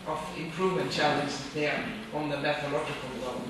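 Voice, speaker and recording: A middle-aged woman from Norway answers questions from a podium, thinking aloud with fillers and restarts. Her voice comes from well back in a big, booming auditorium. A steady hiss of room noise sits underneath. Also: distant mic. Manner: thoughtful, halting with fillers and restarts. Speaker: workshop speaker. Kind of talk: answering questions after an academic talk. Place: large wood-paneled auditorium, on a stage at a podium. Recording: echoey hall picked up from afar, with background noise.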